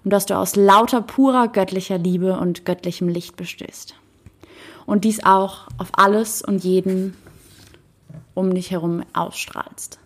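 A woman reading the part of a wise, kindly old man in a storybook, speaking gently and patiently. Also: mid-range voice, fairly even intonation, unhurried. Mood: calm.

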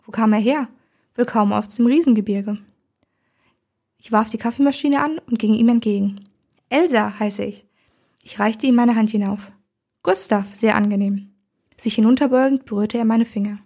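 Husky woman reading a story aloud. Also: on the high side, brisk, dark tone. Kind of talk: first-person audiobook narration.

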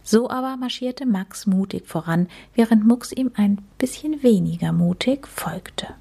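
A woman reading a children's story aloud, gentle and unhurried. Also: mid-range voice, lively intonation, gravelly, husky.

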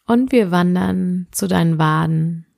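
A woman narrating a soothing sleep meditation like a bedtime guide, in a gentle, unhurried manner with drawn-out phrases. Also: fairly low pitch, vocal fry, dry recording, studio quality. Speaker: podcast host and meditation guide.

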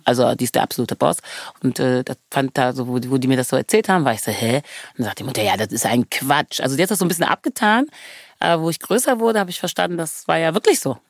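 A woman's voice: extremely low pitch, quick pace, no echo, clean studio sound. A woman from Germany, talking as an interview guest in an earnest, passionate way, stressing points by repeating words.

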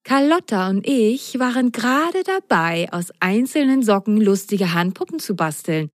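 A woman voicing a friendly, imaginative young girl in a storybook reading, warm and eager. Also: medium pitch, sing-song, unhurried, no room sound, studio quality, pitched above the performer's own voice.

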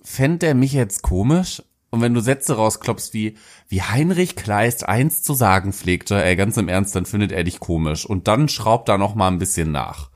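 A man co-hosts a casual educational chat, his voice sitting fairly low but swinging widely in pitch. He talks in a lively, slangy way and pokes fun at himself. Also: normal speed, hardly any pauses. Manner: lively, slangy, self-mocking. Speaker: co-host.

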